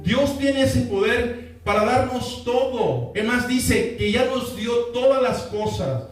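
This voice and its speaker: A man's voice: very high voice, expressive, slow pace, soft background music. A male pastor preaching a sermon, repeating his key lines and calling on the congregation to answer. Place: church sanctuary. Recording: echoey hall, voice from far off the mic.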